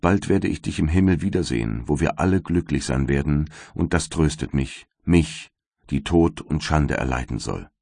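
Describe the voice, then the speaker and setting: Storybook: weeping condemned young maid, imploring and devout, as a male reader puts her on, deep voice. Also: normal speed, creaky, dark tone, no room sound, clean studio sound, full character voice. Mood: tender. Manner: tearful, imploring.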